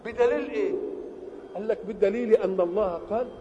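A man's voice: quick pace, a little hiss or hum. An older man with an Egyptian accent explaining a Quran verse, asking rhetorical questions and answering them himself. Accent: Egyptian Arabic. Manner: uneven loudness, often dropping low. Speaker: religious scholar. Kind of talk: Quranic exegesis lesson. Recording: old lo-fi hall recording with echo.

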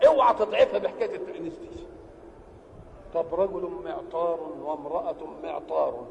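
A man's voice: gravelly, a little hiss or hum. An older man with an Egyptian accent explaining a Quran verse, asking rhetorical questions and answering them himself. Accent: Egyptian Arabic. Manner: uneven loudness, often dropping low. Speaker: religious scholar. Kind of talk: Quranic exegesis lesson. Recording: old lo-fi hall recording with echo.

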